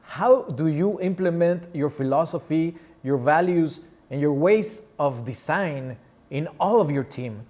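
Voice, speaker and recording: A man's voice: fairly high pitch, expressive, unhurried, darkish tone. A man interviewing a guest, asking short, polite questions and prompting briefly.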